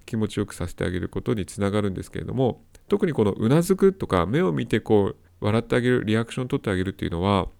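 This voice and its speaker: A man's voice: medium pitch, gravelly, darkish tone. A man hosting a solo advice talk, explaining step by step and repeating his key points. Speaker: host of a self-help audio talk.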